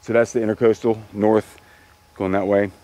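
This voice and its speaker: A man in his forties talking casually to his camera outdoors on a beach by open water, telling his day in a halting, rambling way with many restarts. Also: lowish voice, little pitch movement, warm tone. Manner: rambling, halting, with frequent restarts and small laughs. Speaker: kayak travel vlogger. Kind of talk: casual outdoor video diary. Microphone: handheld camera or lapel, close framing.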